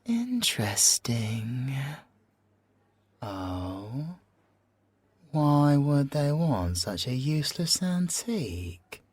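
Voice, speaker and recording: A man's voice: mid-range voice, sing-song, darkish tone, husky, dry recording, exaggerated voice. A man with a British accent playing a suave, flirtatious former special forces soldier in an ASMR audio roleplay, teasing and theatrical, drawing out his words and slipping into whispers. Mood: playful, intrigued. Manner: teasing, drawn-out, theatrical delivery with whispered asides. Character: suave, flirtatious, possessive male ex-special-forces bomb expert.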